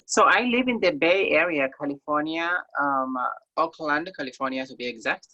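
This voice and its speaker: A woman's voice: low voice, moderate pace, pushed and bright, lo-fi sound. A woman from Somalia, a guest in a conversational interview, talking in an earnest, thoughtful way with frequent ums.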